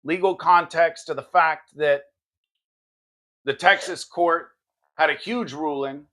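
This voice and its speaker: A man with a slightly high voice hosts a political podcast. He delivers his commentary emphatically, with a combative edge. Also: slow pace, a bit bright. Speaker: podcast host.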